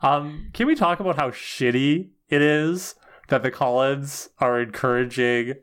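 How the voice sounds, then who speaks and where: A man's voice: mid-range voice, measured pace, a bit bright, clear, resonant tone. A young man co-hosting a casual movie review chat, easygoing with a dry, slightly hesitant way of talking. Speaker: podcast co-host.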